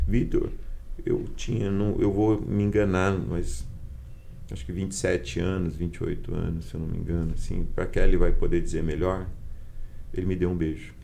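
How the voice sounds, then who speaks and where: Brazilian bishop guy, low mellow voice, heartfelt story, acts out the back-and-forth. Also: flat delivery, moderate pace, creaky, a little hiss or hum. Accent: Brazilian Portuguese. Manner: heartfelt storytelling, acting out quoted dialogue. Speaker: guest bishop. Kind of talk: personal testimony in a podcast conversation.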